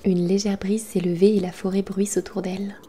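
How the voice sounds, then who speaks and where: A woman narrating a children's audio story in a calm, descriptive way. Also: mid-range voice, a little fast, slight background noise.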